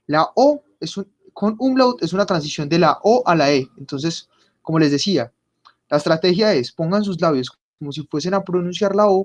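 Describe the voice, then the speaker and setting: A teacher, patiently explaining German pronunciation in an online class and repeating words for the students. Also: mid-range voice. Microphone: computer mic on a video call.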